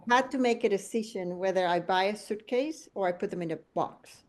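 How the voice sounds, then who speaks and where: A woman's voice: mid-range voice, fairly quick. A middle-aged woman from Venezuela hosting a podcast interview, telling stories in a reflective way with frequent restarts. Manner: storytelling, reflective, many restarts. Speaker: podcast host. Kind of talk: conversational interview.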